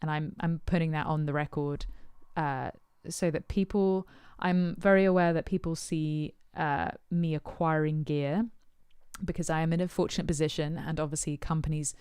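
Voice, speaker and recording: Woman musician chatting through fan questions, deep and super smooth voice, lots of ums. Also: steady tone, moderate pace, a little mellow, no echo, studio quality. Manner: thoughtful, hesitant, with many ums and uhs. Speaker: musician answering supporters' questions. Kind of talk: casual Q&A chat.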